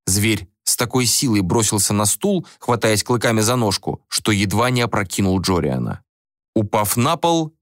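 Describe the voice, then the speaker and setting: A man narrating a fantasy novel as an audiobook, reading in an animated, expressive way. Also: mid-range voice, dry recording, studio quality.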